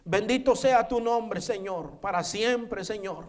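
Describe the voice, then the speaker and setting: A man's voice: high-pitched, slow. A man preaching a sermon and leading a fervent closing prayer, calling out "hermano" and "Señor" as refrains. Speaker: pastor. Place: church.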